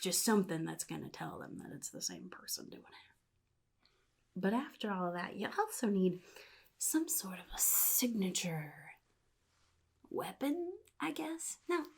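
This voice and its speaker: In a soft-spoken ASMR roleplay monologue, a woman plays a chaotic comic-book supervillain, her fairly low, husky voice often dropping to a breathy whisper. She drawls advice with sly, theatrical glee in an exaggerated character voice.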